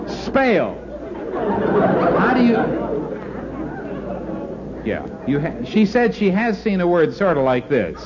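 A man's voice: high voice, very animated, takes it slowly, long pauses, a loud crowd. A man hosting an old radio quiz show in a joking, coaxing way, heard from an old broadcast disc recording. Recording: dull lo-fi old radio disc with faint hiss.

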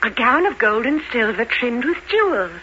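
A kindly, forgetful fairy godmother, from a children's storybook drama. She speaks high and very melodically, with a theatrical magician's flourish. The recording is dull, with faint noise. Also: big pitch swings, moderate pace, pushed and bright. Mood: grand, theatrical. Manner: theatrical magician, grandly incanting and exclaiming. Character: kindly absent-minded fairy godmother casting spells. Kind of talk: children's fairy-tale audio drama acting.

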